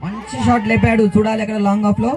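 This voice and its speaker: A man's voice: high-pitched, level tone, fast. A man giving live play-by-play cricket commentary as the commentator at a local ground. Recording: outdoor crowd noise, open-air ambience. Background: crowd and outdoor noise.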